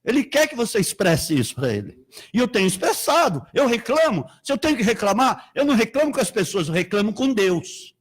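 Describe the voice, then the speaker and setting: Fervent Brazilian preacher, husky and high. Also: male voice, very animated, fairly quick. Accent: Brazilian Portuguese. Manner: fervent, swings from shouts to low murmurs. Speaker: apostle and pastor. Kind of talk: Pentecostal sermon.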